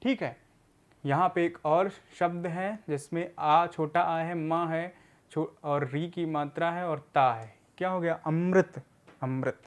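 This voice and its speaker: A man gives a slow, patient reading lesson to adult learners. He sounds out each word syllable by syllable, then puts the syllables together. He asks questions and answers them himself, often checking in with his listeners. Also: a little high, steady tone. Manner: often checks in with "theek hai". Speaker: adult literacy teacher.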